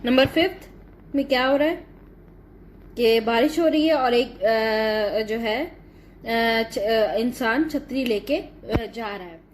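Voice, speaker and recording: A woman teacher, explaining a textbook lesson and reading English sentences slowly and carefully. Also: on the high side, slight background noise.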